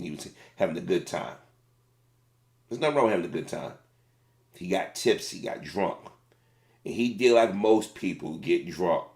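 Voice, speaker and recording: A middle-aged man, a former fast food manager, giving casual, plain-spoken commentary on a video. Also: low-pitched, a little mellow, reverberant.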